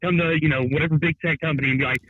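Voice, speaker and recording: A man's voice: a little high, steady tone, racing, slightly rough, dry recording. A male caller heard over a phone line, rambling with lots of "like" fillers. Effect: heard through a phone line on the show's speaker. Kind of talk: call-in phone commentary. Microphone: Bluetooth phone headset. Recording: tinny dry phone line.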